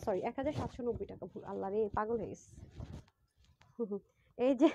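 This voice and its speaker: A woman selling clothes on a live phone stream, chatty and excited, talking straight to viewers. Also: on the high side, dry recording. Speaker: online clothing seller.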